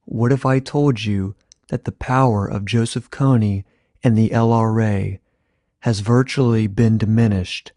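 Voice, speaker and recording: A man reading a scripted voice-over in a measured, deliberate way. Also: on the low side, fairly even intonation, warm tone, no echo, studio quality. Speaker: narrator.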